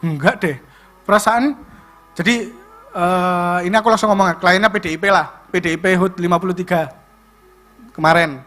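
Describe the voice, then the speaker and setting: A young man giving a personal testimony at a youth service. He tells it in an animated way, with lots of filler tags. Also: sits high, moderate pace, pauses often, faint music behind. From Indonesia. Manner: animated storytelling, repeats "like that".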